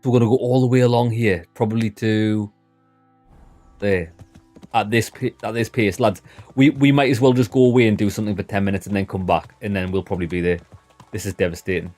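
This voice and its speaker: Lowish-voiced man streaming a game. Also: steady tone, a little fast, a little mellow, faint music behind. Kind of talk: casual live gameplay commentary.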